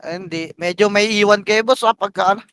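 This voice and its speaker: A man calling shots for his team in live game voice chat, barking rapid commands and countdowns and swearing. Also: high voice, a bit bright, clean tone, no echo. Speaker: team shotcaller.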